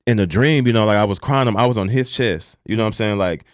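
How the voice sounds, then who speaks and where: A young man speaks in a low voice, telling a personal story in a loose, colloquial way. He keeps checking in with "you know what I'm saying" and swears freely. The recording is close and dry, with no room sound. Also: fast talker, dry recording. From Texas. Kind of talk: personal storytelling in casual conversation.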